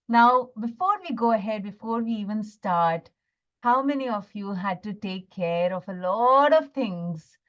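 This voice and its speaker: This healing coach and workshop host, a woman with an Indian accent, leads a live online motivational masterclass in a mid-range voice. She stresses points by saying phrases again and looks for agreement from her audience with "right?". The high frequencies are cut off in the recording.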